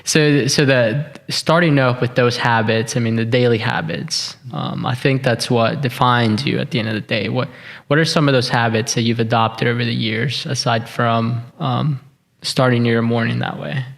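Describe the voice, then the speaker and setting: A young man hosting a podcast, asking his guest questions in a halting way and repeating words as he thinks aloud. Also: mid-range voice, fairly even intonation, gravelly, a bit bright. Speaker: podcast host. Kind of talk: casual interview chat.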